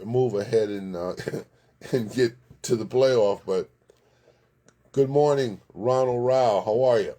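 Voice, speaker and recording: A man's voice: lowish voice, dark tone. A man hosting a local sports recap, chatting casually, giving blunt opinions and greeting viewers by name. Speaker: sports show host. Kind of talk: casual live sports commentary.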